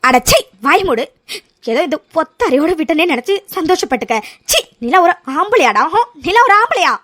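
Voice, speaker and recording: A woman voicing a fierce young woman student in a cartoon serial, scolding in a shrill, indignant way. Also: expressive, fairly quick. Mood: furious scolding.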